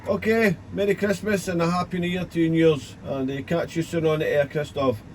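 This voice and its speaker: A man working as an amateur radio operator, deliberately spelling out call signs in phonetic alphabet and repeating himself. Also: fairly high pitch, fairly even intonation, a little hiss or hum. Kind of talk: ham radio exchange with phonetic alphabet and signal reports.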